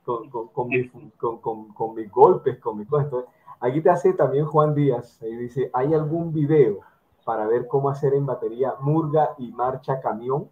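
A man's voice: mid-range voice, normal speed. A middle-aged man from Colombia's hosts the talk with a mid-range voice. He explains patiently and speaks straight to his viewers, as if teaching a class. His voice comes through a thin, phone-like video call line. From Colombia, Barranquilla. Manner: explanatory, addresses viewers directly, lectures with examples. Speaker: host of an online drum interview.

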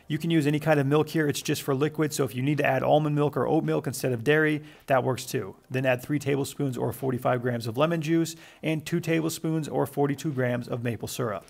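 A man giving a scripted recipe voice-over as a cooking channel host, with brisk, matter-of-fact instructions. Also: mid-range voice, creaky.

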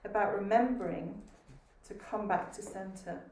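Calm woman panelist, distant echoey sound. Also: medium pitch, normal speed. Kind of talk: reflective panel answer. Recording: distant echoey room, faint noise.

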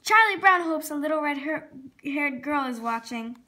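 Reading a children's storybook at a moderate pace, this woman has a very high, bright voice and an expressive delivery. Now and then she trips over a word and fixes it. There is a little background noise.

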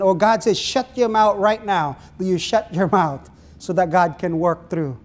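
A middle-aged Ilonggo-speaking pastor from the Philippines, with a Filipino accent, earnestly preaches from the pulpit of a small church. His voice sits high and is a little mellow, and his phrases are drawn out as he asks questions of the congregation.

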